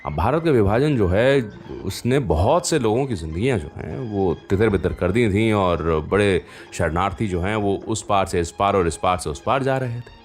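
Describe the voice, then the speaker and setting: With a lowish, expressive voice, a man speaks at a normal speed and with few pauses as he presents a music radio show. His anecdotes come across as chatty and conversational, often peppered with rhetorical fillers directed at the audience.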